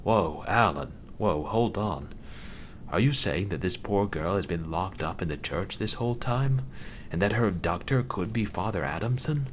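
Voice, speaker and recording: Man playing game detective, low voice, exasperated, incredulous, skeptical, noisy recording. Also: expressive, moderate pace. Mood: agitated, disbelieving. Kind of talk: acted game dialogue. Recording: clearly noisy background.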